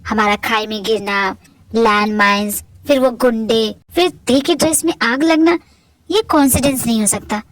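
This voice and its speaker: A woman's voice: a little high, moderate pace, no echo, voice pushed down, lightly acted. A woman voicing a cold, brooding rich young husband who speaks curtly and with suspicion. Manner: curt, suspicious.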